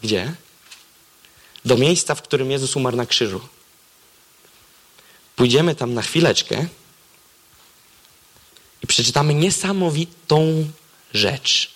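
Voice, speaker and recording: A man preaching a sermon, reading scripture aloud and swinging between excited exclamations and hushed, low emphasis. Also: takes it slowly, long pauses.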